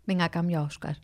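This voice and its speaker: Female guest, 40s, warm storyteller, quick to laugh. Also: lowish voice. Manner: laughs easily, chatty storyteller. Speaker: guest writer. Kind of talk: casual chat.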